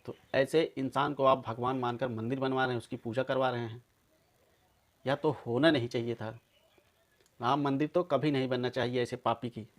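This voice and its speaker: Male commentator, mid-pitched, emphatic, accusing delivery straight to camera audience. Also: flat delivery, normal speed. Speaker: video commentator. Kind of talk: polemical monologue to viewers.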